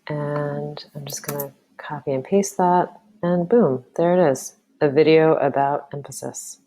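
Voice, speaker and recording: A woman teacher walking through a software tutorial, talking casually and thinking aloud with frequent ums. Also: sits low, steady tone, measured pace. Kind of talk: screen-recorded software tutorial.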